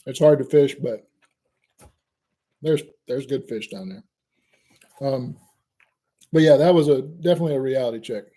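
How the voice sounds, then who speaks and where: A man, hosting a fishing channel and telling a lively fishing story in casual chat. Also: medium pitch, a little slow, pauses often. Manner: animated storyteller, Southern y'all, laughs at own jokes.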